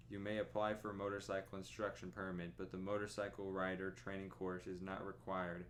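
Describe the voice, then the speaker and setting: A young man streaming from his bedroom, reading a driver's manual aloud in a plodding monotone with tired asides. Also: deep voice, slight background noise. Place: bedroom at home.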